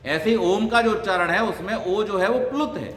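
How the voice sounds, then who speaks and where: A man's voice: sits high, a little fast, a bit bright, slight background noise. A man, a pandit teaching Sanskrit pronunciation, who asks questions and answers them himself. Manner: explains by asking and answering his own questions, demonstrates sounds. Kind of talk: religious teaching talk. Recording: echoey hall with long reverb.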